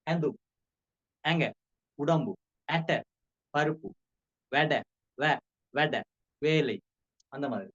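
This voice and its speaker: A man with a Sri Lankan Tamil accent giving a casual spoken language lesson, repeating words slowly for drill. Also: fairly high pitch, a bit bright, muffled recording. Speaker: language teacher.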